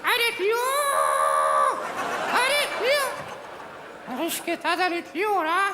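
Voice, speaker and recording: A ventriloquist voicing a cheeky, foul-mouthed male monkey puppet in a high squeaky voice, live on stage. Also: lively intonation, moderate pace. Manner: cheeky, crude, interrupting. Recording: live show with crowd noise.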